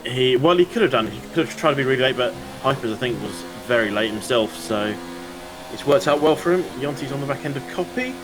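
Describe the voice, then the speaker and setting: A man commentating live on an online racing league, getting excited during close moves. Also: medium pitch, a little fast, music in the background, low-quality recording. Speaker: race commentator.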